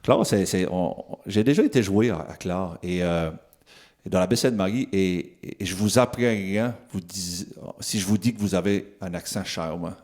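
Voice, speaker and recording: A man's voice: low-pitched, normal speed, darkish tone. A singer-songwriter from the Magdalen Islands with a Magdalen Islands French accent who drops his R sounds, chatting easygoingly between songs with many restarts. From Magdalen Islands, Quebec. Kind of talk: casual stage talk between songs.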